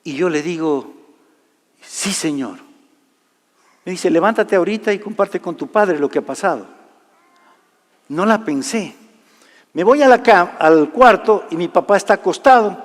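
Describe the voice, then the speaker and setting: A man preaching a sermon, telling a personal story and swinging from loud to hushed delivery. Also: sits high, animated, moderate pace. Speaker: pastor. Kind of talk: sermon testimony. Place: large church hall. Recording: live church hall reverb.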